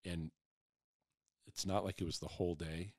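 Man, forties, deep voice, unhurried reflective casual chat, candid and rambling. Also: fairly even intonation, a little mellow, breathy edge, no echo, studio quality.

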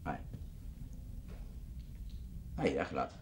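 An actor with an Algerian Arabic accent, playing a weary husband who pleads and defends himself in a TV drama. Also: male voice, rumbling low, lively intonation, slow pace, a little mellow, slight background noise, heavily acted. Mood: pleading. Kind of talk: TV drama acting.

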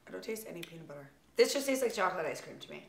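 A woman's voice: fairly low pitch, animated, very fast. A woman guest tasting food, chatting enthusiastically while chewing. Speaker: guest taste tester. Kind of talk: casual chat. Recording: echoey room.

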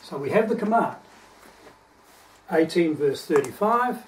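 A man delivers a sermon in a slightly high voice, earnest and explanatory, pausing to unpack each verse. He sounds distant from the microphone, as if picked up from across a church hall. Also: sing-song, a little hiss or hum. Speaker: preacher. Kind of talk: sermon with scripture reading.

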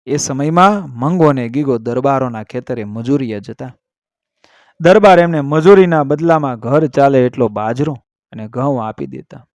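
A man narrates a heartfelt story in an earnest, unhurried way, his voice sitting at an ordinary middle pitch. The recording is dry and close, with no room echo. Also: lively intonation, darkish tone. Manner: measured, earnest storytelling with vivid pauses.

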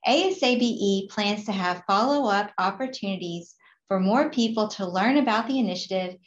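A woman's voice: mid-range voice, moderate pace. Woman in roomy, dull webcam audio. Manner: even, informative reading. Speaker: program presenter. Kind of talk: scripted program announcement.

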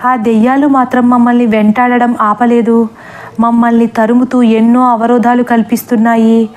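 A woman tells a first-person horror story in a somewhat high voice. Her pitch barely moves, yet the reading stays emotional and dramatic. She voices the other characters herself. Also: flat delivery, normal speed, a little mellow.

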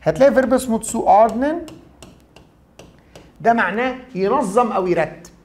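A middle-aged teacher with an Egyptian Arabic accent, talking quickly through a video lesson. He keeps a brisk, chatty pace and often asks questions only to answer them himself. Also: high voice, lively intonation, a little mellow. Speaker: German language teacher. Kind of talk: classroom video lecture.

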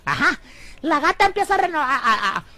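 A woman's voice: high voice, sing-song, fast, over music. Sassy teasing Salvadoran woman radio host. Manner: sassy, teasing, calls listener amor and bebé. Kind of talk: comic radio monologue.

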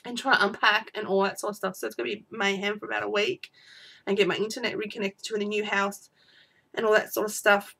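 A woman's voice: medium pitch, little pitch movement, quick pace, vocal fry, pushed and bright. A woman vlogger talking in an unedited personal video diary, teary with her voice breaking, rambling and apologetic.

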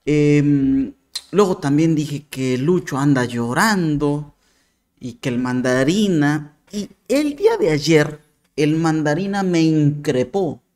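A man's voice: fairly high pitch, slow, darkish tone. A man giving sarcastic, argumentative commentary to camera as a video commentator. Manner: sarcastic, mocking.

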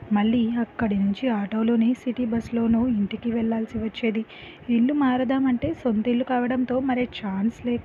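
A woman narrating a story in the first person, chatty, with conversational asides to the listener. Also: fairly high pitch. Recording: phone-like lo-fi with faint hiss.

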